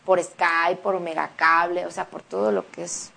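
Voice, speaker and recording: A woman's voice: lowish voice, creaky, a little hiss or hum. A woman with a Mexican Spanish accent, a singer and actress chatting emotionally as an interview guest. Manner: chatty and emotional, quick animated retelling. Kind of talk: casual interview chat.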